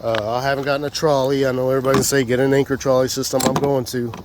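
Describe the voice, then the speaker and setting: A man's voice: mid-range voice, level tone, rapid-fire, background noise. A man with a congested, stuffy voice, casually walking through his fishing gear outdoors in a rambling, folksy way. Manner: rambling, folksy, many fillers. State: congested from a sinus infection. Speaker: fishing vlogger.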